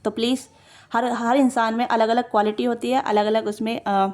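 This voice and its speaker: एक महिला tarot reader, जो कैमरे से सीधे बात करते हुए रीडिंग करती है और बहुत सारे भराव-शब्दों और खुद को सुधारते हुए लगातार बोलती जाती है।. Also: female voice, fairly high pitch, flat delivery, a little mellow. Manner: rapid run-on talk with many fillers and self-corrections. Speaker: tarot reader. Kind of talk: casual tarot reading to camera.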